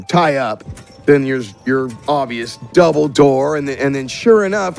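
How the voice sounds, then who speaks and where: Over background music, a game master runs a tabletop fantasy session, his voice a little high with a darkish tone. He talks conversationally, improvising descriptions and feeling his way along.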